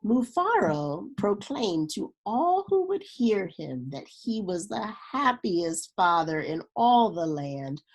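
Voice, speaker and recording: Slow-paced woman reading a storybook. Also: medium pitch, sing-song, husky. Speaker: storybook reader. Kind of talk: read-aloud storytelling for children.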